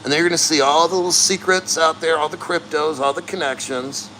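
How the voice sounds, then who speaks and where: A man chatting casually and bluntly to livestream viewers, earnest and straining through the cold as he sits neck-deep in an ice plunge. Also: steady tone, fairly quick, pushed and bright, slight background noise, rough recording. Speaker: livestream host.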